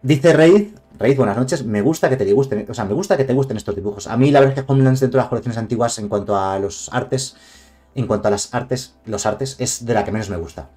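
A man's voice: mid-range voice, a little fast, mellow, soft background music. A man from Spain with a Castilian accent, chatting casually and digressively on a live stream, reviewing cards and greeting viewers. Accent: Castilian Spanish.

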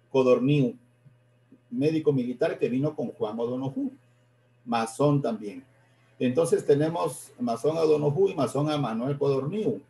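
A man giving a live-streamed history lecture, pausing often, repeating words and correcting himself as he goes. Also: a little high, mellow. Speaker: history presenter.

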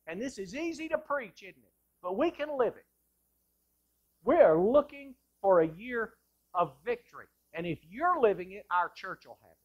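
A male pastor delivering an impassioned sermon in a church sanctuary, moving between loud bursts and hushed lines. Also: high-pitched, animated, moderate pace, lo-fi sound.

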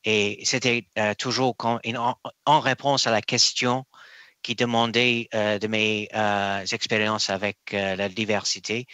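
A man from England, a court nominee, answering questions at a formal hearing over a video call, halting and searching for words with many restarts. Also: fairly low pitch, pushed and bright, dry recording.

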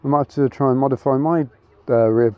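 A man of middling pitch chats eagerly as he walks around an outdoor car meet, pausing with little fillers while he thinks aloud. The camera audio is slightly dull and lo-fi. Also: steady tone, dry recording. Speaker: car vlogger. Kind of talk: casual walkaround commentary.

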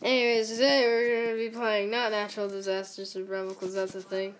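A woman giving rambling, goofy commentary while playing a video game, with sudden squeaky outbursts. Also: flat delivery, brisk, slight background noise. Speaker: gamer. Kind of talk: casual gameplay commentary.

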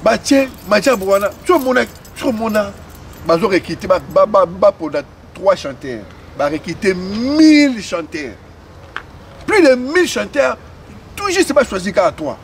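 A man's voice: sits high, sing-song, a little slow. A man giving impassioned outdoor political commentary, repeating himself and mixing French into his talk. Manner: impassioned, repetitive, switches between Lingala and French. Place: outdoors on a city street. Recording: distant mic outdoors with faint noise.

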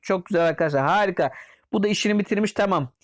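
High pitched guy doing let's play commentary, jokey mock yelling at customers, dry sound. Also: rapid-fire, no room sound. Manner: playful, jokingly scolds and yells at game customers. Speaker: gameplay commentator.

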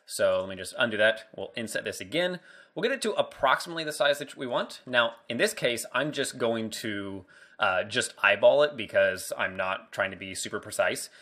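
A man's voice: mid-range voice, lively intonation, normal speed, pushed and bright. A man walking through a 3D modeling screencast tutorial in a casual way, thinking aloud as he works. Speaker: 3D modeling instructor.

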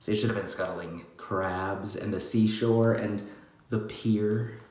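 A man, a children's book author, reading his picture book aloud in a playful, animated way with jokey asides. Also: lowish voice, takes it slowly. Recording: very echoey room.

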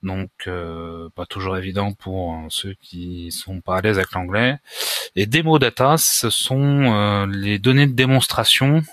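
A man walks through a computer tutorial, halting and casual, often pausing to find his words. His voice is low-pitched yet bright and forward. The sound is close and dry, recorded at a desk mic with no room echo. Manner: hesitant, many fillers and restarts, casual explanations. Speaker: WordPress tutorial maker. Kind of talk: screen-recorded software tutorial.

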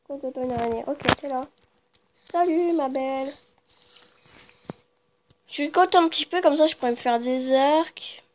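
A woman's voice: high-pitched, moderate pace, pauses often, darkish tone, a little hiss or hum. A woman giving casual commentary on her game, muttering to herself and the creatures, then breaking into startled yelps and swearing. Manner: chatty with viewers, talks to the game creatures. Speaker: let's play gamer.

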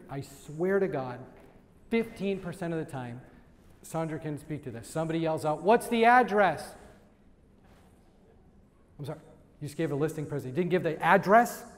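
A man giving a lively sales training talk to a live audience, quizzing the crowd and laughing often. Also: fairly high pitch. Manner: energetic, asks the crowd questions and laughs. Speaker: real estate sales trainer. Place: event room with audience. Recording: long hall reverb.

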